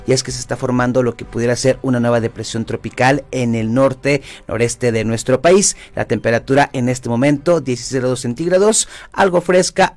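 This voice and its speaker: A man's voice: medium pitch, no echo. A man with a Mexican Spanish accent hosting a morning radio news show, talking to the listener directly in an easy, conversational way.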